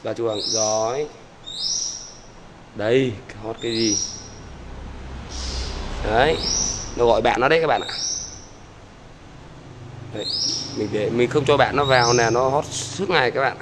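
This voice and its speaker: A man of medium pitch talks casually to his viewers outdoors beside some bird cages, speaking at a normal speed but pausing often against a noisy background. He's a bird-keeping vlogger, and he keeps repeating little "there" words as he points things out.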